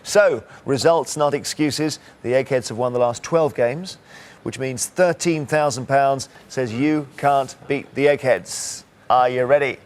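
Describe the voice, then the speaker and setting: A man hosts a television quiz, his voice sitting at an ordinary middle pitch. He delivers the script with measured, emphatic pacing, leaning on key phrases and reading out multiple-choice answers. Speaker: quiz show host. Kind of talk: scripted game show presenting.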